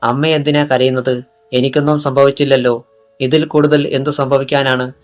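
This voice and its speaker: A man reading the part of a calm, brave young man wounded by a bullet, in an audiobook. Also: mid-range voice, moderate pace, soft background music, natural voice.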